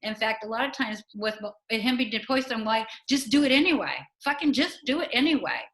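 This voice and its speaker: A woman's voice: on the high side, lively intonation, a little fast, fairly bright tone. An older woman speaking emphatically and swearing freely in a casual video call discussion, as a guest.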